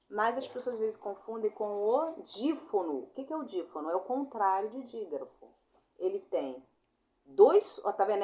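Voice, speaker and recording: A young Brazilian woman giving a casual online grammar lesson, chatty and informal, apologizing often and spelling sounds out slowly. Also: medium pitch. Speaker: Portuguese teacher.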